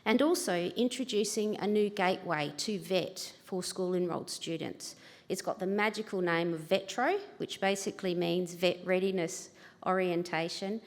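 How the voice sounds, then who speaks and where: Standing at a lectern mic in a big, echoing convention hall, a government education manager from Australia delivers a livestreamed conference talk. She's chatty and pokes fun at herself, speaking at a moderate pace in a lowish voice.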